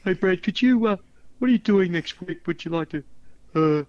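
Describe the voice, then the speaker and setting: A laid-back man, as another man mimics him, casual and easygoing, drawling with little hesitations. The voice sits noticeably higher than the speaker's usual tone. The recording is dry and close. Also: lively intonation, normal speed, dry recording, muffled recording.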